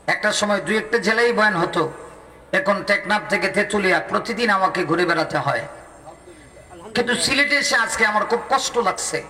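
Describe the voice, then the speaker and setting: Fiery preacher, high bright voice over echoing speakers. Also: male voice, slight background noise. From Bangladesh. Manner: rousing, calls out to the crowd for replies; rises to near-shouting climaxes. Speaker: Islamic preacher. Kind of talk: fiery open-air sermon. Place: outdoor religious gathering. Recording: echoey public address from a distance.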